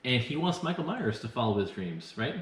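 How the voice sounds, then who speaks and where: A man's voice: mid-range voice, big pitch swings, fairly quick, a bit bright. A tipsy man getting drunker as he hosts a casual film review, rambling with sarcasm and crude language. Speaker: host of a movie review show. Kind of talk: casual banter reviewing films. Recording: echoey, roomy sound.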